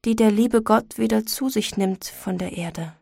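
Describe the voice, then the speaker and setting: A woman voicing a tender, sorrowful widowed mother in a storybook reading, speaking quietly and earnestly. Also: on the high side, measured pace, gravelly, no room sound, studio quality. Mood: solemn.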